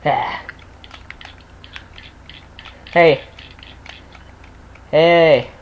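A young man chatting casually while playing a co-op game, excitable and quick to break into laughter. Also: a little high, muffled recording, slight background noise. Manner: excitable, bursts into loud laughter and shouts. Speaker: gamer recording co-op play. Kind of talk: casual gaming chat.

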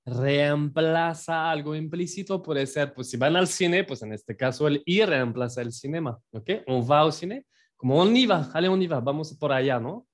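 A man from France, teaching phrases in a patient online lesson and repeating each phrase slowly for learners. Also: on the high side. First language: French. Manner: writes on a board while explaining. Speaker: French teacher.

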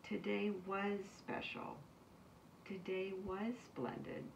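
A woman reading a storybook aloud, voicing a gentle little girl who tenderly comforts her mother. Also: mid-range voice, little pitch movement, slow pace, creaky, echoey room, pitched above the performer's own voice. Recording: distant mic, faint background noise.

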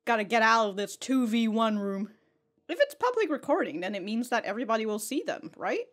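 A young woman with a fairly high, sing-song voice hosts an anime reaction, talking a little fast in a casual, blunt way, laughing often and swearing now and then. She sits close to a studio mic on a stand in a small room, with faint anime music and audio in the background.

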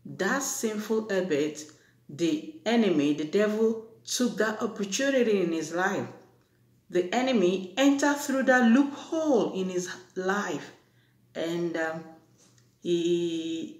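A preacher giving an earnest, exhorting Bible teaching, with many pauses and fillers. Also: medium pitch. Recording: echoey room.

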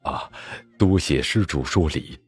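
A man's voice: extremely low pitch, lively intonation, a little slow, slightly rough, no room sound, pitched below the performer's own voice, heavily acted. A man voicing an anxious young male Buddhist monk in an audiobook, polite and pleading.

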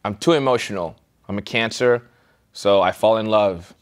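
A man's voice: on the low side, moderate pace. A young man on a dating game show, bragging in a dry, mock-serious way. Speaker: contestant. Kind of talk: comic confession.

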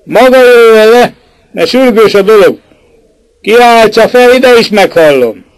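A man playing a cunning, mocking rich older gentleman who questions others sly and insistent. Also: on the high side, animated, no room sound, lightly acted, poor audio.

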